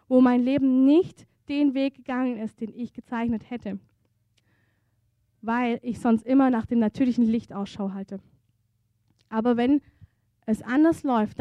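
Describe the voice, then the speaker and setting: A woman preaching a sermon at a church service, earnest and intimate, moving between hushed softness and fervent emphasis. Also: on the high side, dry recording, muffled recording.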